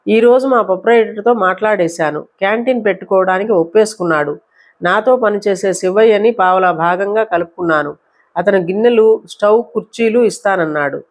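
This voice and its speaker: A woman's voice: medium pitch, brisk, natural voice. A woman reading a storybook voicing an irritated, blunt young man who grumbles impatiently. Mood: pleased.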